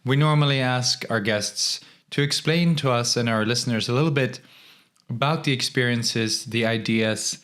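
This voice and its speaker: A man hosting a podcast, reading a scripted introduction and asking questions in a measured, formal way. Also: medium pitch, fairly bright tone. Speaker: podcast host.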